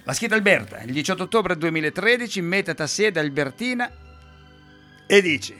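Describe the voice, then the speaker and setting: A man's voice: high-pitched, lively intonation, soft background music. A man hosting a casual local radio show with an Ancona accent, joking with callers and reading letters and dialect verse aloud. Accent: Ancona dialect, Marche. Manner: jovial, teasing, reads verse slowly and warmly. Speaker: radio host.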